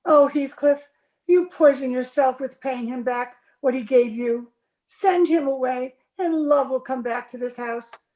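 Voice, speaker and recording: In a gothic radio play, a woman voices an unhappy young bride pining for love, speaking slowly in a high, dark-toned voice. Her delivery is pleading and emotional, acted in the theatrical style of old-time radio.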